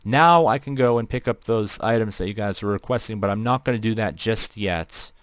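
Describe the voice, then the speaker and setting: A man's voice: fairly low pitch, fairly quick, dry recording. Chatty young man with a Midwestern accent. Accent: Midwestern American. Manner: rambling, chatty, talks to chat viewers. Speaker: game streamer. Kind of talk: casual live-stream commentary.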